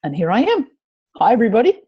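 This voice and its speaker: A woman teaching tapping points in a webinar, guiding listeners through slow repeat-after-me phrases over a video call. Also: a little high, sing-song, breathy edge, lo-fi sound. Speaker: EFT tapping instructor.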